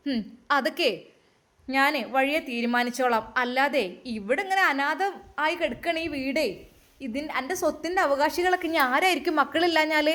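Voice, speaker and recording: A woman playing a loud, scolding Malappuram mother-in-law. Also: high-pitched, moderate pace. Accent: Malappuram Malayalam. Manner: loud, nagging and taunting. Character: scolding older mother-in-law, stern and domineering. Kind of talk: amateur story drama reading.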